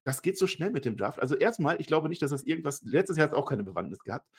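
A man co-hosting a wrestling review podcast in casual chat, animated and sarcastic. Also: fast, gravelly, slightly rough. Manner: animated, sarcastic, jumps to high pitch when excited.

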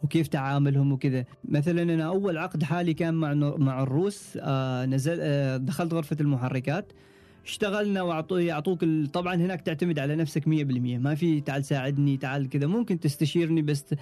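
A young man with an Omani Arabic accent, telling stories as a podcast guest in a relaxed, casual interview. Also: a little high, fast, faint music behind. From Oman. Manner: relaxed storytelling, frequent trailing restarts. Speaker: podcast guest, ship engineer.

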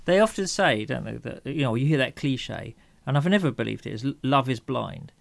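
In a dry recording, this man's mid-range, gravelly voice sounds animated and a little fast. Co-hosting a relaxed, thoughtful podcast discussion, he gropes for words, often restarting sentences and repeating how they begin.

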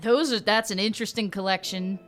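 A woman playing a tabletop role-playing game, quick and teasing, often laughing. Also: mid-range voice, fairly even intonation, slight background noise. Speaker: player. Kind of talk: tabletop role-play banter.

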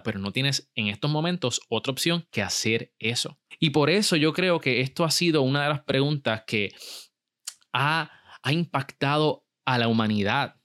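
Energetic male podcast host. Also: medium pitch. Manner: energetic, mixes English words into Spanish. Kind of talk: motivational podcast monologue.

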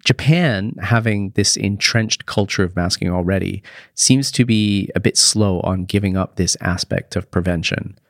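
A man's voice: low voice, normal speed, gravelly, fairly bright tone, no room sound, clean studio sound. A man hosting a news podcast, asking a guest short, plain questions about the week's headlines. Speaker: podcast host.

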